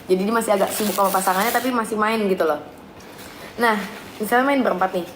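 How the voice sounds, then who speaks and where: Speaking quickly in a mid-range voice, a young live stream co-host chats casually and giggles through her stories between bites. Dishes and cutlery clink around her in an echoey room with faint noise.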